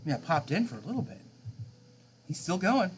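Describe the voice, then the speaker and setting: A man's voice: sits high, sing-song, fairly quick, a little hiss or hum. A man in his thirties, a game streamer, chatting casually with his viewers late at night, chuckling often as he answers chat.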